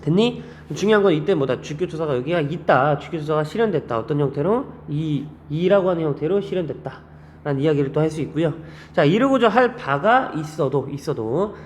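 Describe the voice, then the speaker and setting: A man teaching a class in a fairly high voice, firing rhetorical questions at his students and jumping up in pitch to stress key points. His delivery is lively and conversational, as in a classroom lecture. A faint background noise sits under the recording. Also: fairly quick. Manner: lively, animated delivery with frequent pitch jumps. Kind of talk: classroom lecture on Korean grammar.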